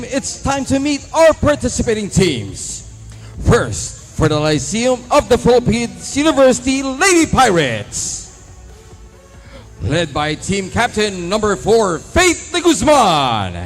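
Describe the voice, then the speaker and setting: A man working as venue game announcer, calling out player numbers and names in a drawn-out, booming delivery. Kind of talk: arena player introductions.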